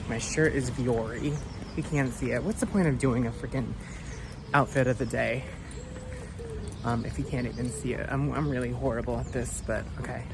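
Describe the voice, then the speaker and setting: A woman travel vlogger chatting casually to a handheld camera, rambling with lots of fillers, while walking through city streets and in a hotel room. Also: a bass voice. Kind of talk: casual vlog chat to camera.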